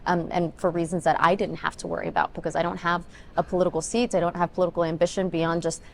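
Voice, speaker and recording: Gravelly-voiced young woman candidate. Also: on the low side, level tone, quick pace, a little hiss or hum. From Ethiopia, raised in Denver. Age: 20s. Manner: earnest, talks in long run-on points with many ums. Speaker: congressional candidate. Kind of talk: political interview answers.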